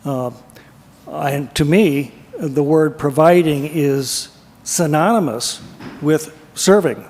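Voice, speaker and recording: A man's voice: a little high, a little mellow. A man on a city council firmly stating his objections and citing the code. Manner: firm, deliberate, cites the code. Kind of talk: council deliberation. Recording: long reverb of a council chamber.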